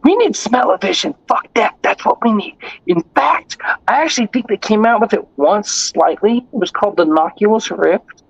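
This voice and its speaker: A man hosting a livestream, rambling loudly and swearing freely, with frequent laughs and a rowdy way of calling out to viewers. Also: high voice, lively intonation, normal speed, gravelly, husky, dry recording, highs cut off. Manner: rambling and profane, laughs often. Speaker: livestream host. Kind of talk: casual livestream chat.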